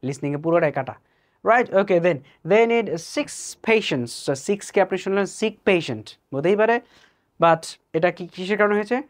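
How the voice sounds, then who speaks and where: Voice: medium pitch, lively intonation. Bangladeshi English teacher, playful. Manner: reads English examples slowly, mixes English into Bangla, playful asides. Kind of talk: spoken English lesson.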